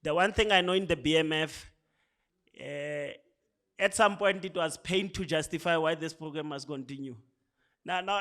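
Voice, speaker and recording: A man's voice: on the high side, fairly bright tone. A man with a South African accent giving a conversational speech at a programme launch, often tagging his lines with "right?". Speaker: speaker.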